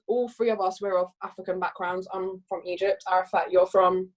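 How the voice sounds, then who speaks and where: A woman co-hosting a casual chat, speaking in an animated way and running through her points as rhetorical questions. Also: medium pitch, a little fast. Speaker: co-host.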